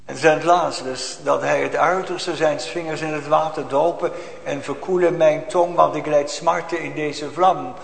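A man preaching a sermon to a congregation, slow and solemn, rising to emphatic outbursts, recorded in a church. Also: on the high side, fairly even intonation, vocal fry, reverberant, big-room sound, low-quality recording.

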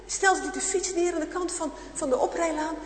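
A woman with a high voice tells a children's story with lively expression, sometimes dropping to a whisper. She sounds roomy and echoey, as if recorded in a large hall with long reverb. A faint hum lies underneath. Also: normal speed. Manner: expressive, voices characters, shifts to whispers for suspense.

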